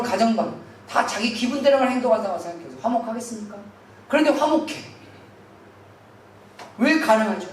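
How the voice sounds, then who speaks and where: A man preaching a Sunday sermon as pastor, earnestly putting rhetorical questions to the congregation. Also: very high voice. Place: church sanctuary. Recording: very echoey hall, distant mic, faint hiss.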